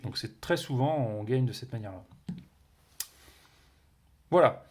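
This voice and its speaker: A man's voice: mid-range voice, expressive, measured pace, darkish tone, husky. A man reviewing a board game, explaining its rules casually with many fillers, restarts and playful sound words. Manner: hesitant, many fillers and self-corrections.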